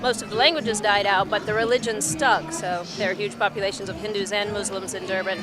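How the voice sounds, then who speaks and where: A woman's voice: medium pitch, steady tone, a little fast, over music. American woman hosting a casual travel vlog. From United States. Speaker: travel show host.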